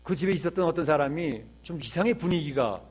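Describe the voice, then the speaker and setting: A man's voice: on the high side, expressive, fast, breathy edge. A male pastor preaching a sermon in an earnest way, with emphatic swells and rhetorical questions.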